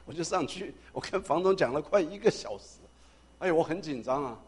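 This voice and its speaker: Animated storytelling pastor, a man. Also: a little high, fairly quick, breathy edge. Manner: animated storyteller who acts out dialogue. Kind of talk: storytelling testimony in a sermon.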